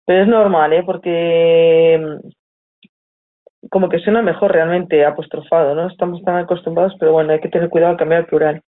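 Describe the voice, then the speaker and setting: A woman's voice: fairly low pitch, fairly even intonation, moderate pace. A woman with a Spanish accent from Spain, teaching a live online lesson, explaining patiently and reading student questions aloud from the chat. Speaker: Italian teacher. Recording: tinny phone-like audio.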